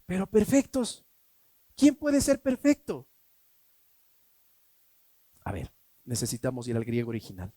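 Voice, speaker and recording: A man preaching a sermon as pastor, emphatic, swinging between loud and hushed, asking rhetorical questions. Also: mid-range voice, wildly swooping pitch, measured pace, pauses often, no echo. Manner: acts out quoted voices in a mocking tone.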